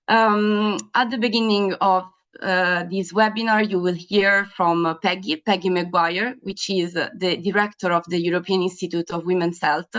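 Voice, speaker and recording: A woman's voice: mid-range voice, fairly bright tone. Italian-accented woman hosting a webinar. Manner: hesitant, many ums and uhs. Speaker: webinar host. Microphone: video call. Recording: dull lo-fi video call audio.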